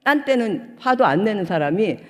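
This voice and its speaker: A woman's voice: mid-range voice, normal speed. A woman pastor in her sixties tells her testimony from the pulpit, her voice swinging widely up and down as she acts out each person in the story. She swells into fervent, emotional outbursts between stretches of plain telling. A long reverb from a big hall trails after every phrase. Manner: animated storytelling, acting out quoted dialogue. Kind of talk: testimony sermon at a prayer retreat. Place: prayer retreat hall.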